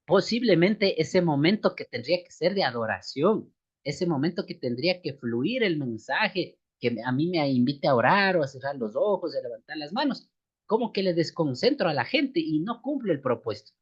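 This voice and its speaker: Lively male church music teacher, slightly sick. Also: on the high side, normal speed, husky. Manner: explains step by step, addresses listeners as sisters and brothers. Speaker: seminary teacher. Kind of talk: church music lesson, lecturing. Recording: dull lo-fi recording.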